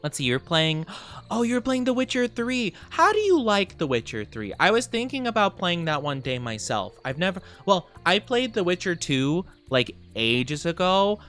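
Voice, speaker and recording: Bubbly male streamer with swooping, animated pitch. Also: moderate pace, soft background music. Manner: bubbly, effusive, gushing thanks and greetings. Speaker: VTuber streamer host. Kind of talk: casual livestream chat while playing a game.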